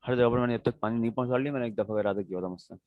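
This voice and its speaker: A man's voice: medium pitch, no room sound, phone-quality sound. Patient male religious teacher, dry sound. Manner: patient, explains step by step, checks in with "okay"; answers students' questions directly. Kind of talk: classroom lecture on religious rulings.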